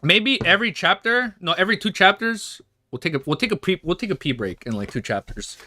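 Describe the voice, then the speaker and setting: A young man in his twenties hosts a livestream, chatting casually and reading a novel aloud while rambling, swearing, and laughing easily. His voice is high, animated, and brisk, with a sharp tone.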